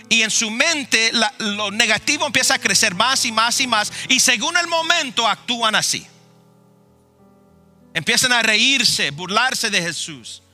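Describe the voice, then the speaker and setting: A male pastor preaching a sermon, telling the story dramatically and swinging between loud passion and hushed tones. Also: extremely high pitch.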